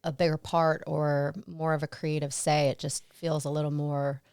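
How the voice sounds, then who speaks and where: Smooth-voiced woman telling her story. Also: deep voice, little pitch movement, normal speed, a little mellow, no room sound, studio quality. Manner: reflective, storytelling, laughs often. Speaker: interview guest, stunt performer and actress. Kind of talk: casual interview conversation.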